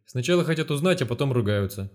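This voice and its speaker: A shifty male street dealer, played by an audiobook reader, wheedling and evasive. The voice sits higher than the reader's usual and keeps slipping away from the question. An audiobook character reading. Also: lively intonation, quick pace, darkish tone, lightly acted.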